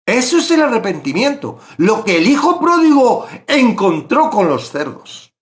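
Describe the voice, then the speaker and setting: A middle-aged man teaching a verse-by-verse Bible study, emphatic and animated, repeating words for stress. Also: extremely high pitch, unhurried.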